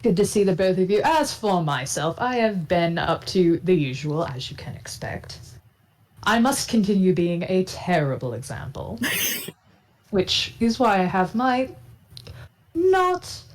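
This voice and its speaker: A woman's voice: fairly low pitch, big pitch swings, unhurried. Woman doing a wry winged bird-man rogue. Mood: teasing. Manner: wry, teasing.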